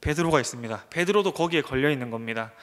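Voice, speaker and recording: A man's voice: medium pitch, animated, fast, a bit bright. A man preaching a midweek sermon as pastor, often acting out the pleading words of Bible figures with hesitant fillers between thoughts. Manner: acts out Bible figures' pleas in quoted speech. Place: church.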